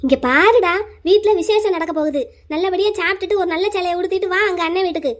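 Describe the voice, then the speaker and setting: A woman's voice: extremely high pitch, fast. A woman voicing an older village mother in a cartoon, coaxing and scolding her grown daughter.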